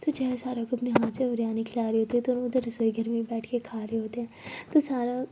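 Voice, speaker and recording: A young woman narrating a serialized romance story in a soft, half-whispered voice. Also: a little high, little pitch movement, a little fast, noisy background.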